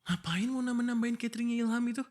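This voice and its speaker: Pleading and scolding informally, a male voice actor portrays an exasperated, protective young fiancé in an argument before his wedding in a one-sided boyfriend ASMR roleplay. The mood is annoyed and suspicious. He speaks fast in a very high, slightly mellow voice with fairly even intonation.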